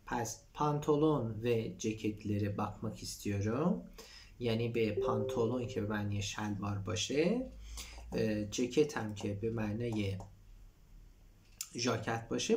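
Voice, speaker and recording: A man's voice: lowish voice, expressive, a little mellow, slight background noise. Man teaching Turkish phrases. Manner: reads Turkish lines aloud, then explains them in Persian. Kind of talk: explaining a textbook dialogue.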